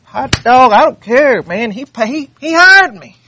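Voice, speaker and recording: A man's voice: very high voice, big pitch swings, a little slow, bright, forceful tone, slight background noise. A man preaching a sermon, fervent and repetitive, reading scripture aloud with rising intensity. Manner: fervent, repeats phrases, reads scripture aloud.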